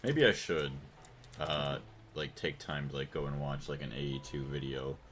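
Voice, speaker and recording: Deep-voiced American man streaming casually. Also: moderate pace, a bit bright, a little hiss or hum. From United States. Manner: rambling, thinks aloud, reads and thanks chat. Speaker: gaming livestreamer. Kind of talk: casual live-stream chat while playing.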